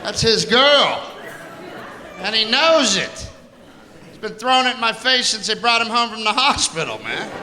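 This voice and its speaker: A middle-aged man doing a stand-up comedy set on a theater stage, loud and jokey, jumping into high mocking voices for the people he quotes. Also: very animated, normal speed, a little hiss or hum. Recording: live show in a big hall, loud crowd laughter.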